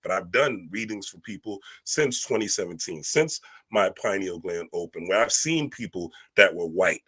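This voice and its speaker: A spiritual reader and speaker delivers a casual, emphatic, preachy monologue, using street slang and frequently asking "right?" His voice sits low and is animated, fairly bright and slightly rough, at a normal speed.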